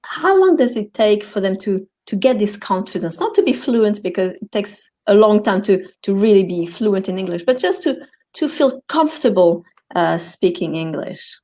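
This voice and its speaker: A woman's voice: medium pitch, lively intonation, normal speed, warm tone. A woman hosting a casual interview over a video call. She is friendly, laughs often, and fills her questions with many fillers and restarts. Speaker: interview host.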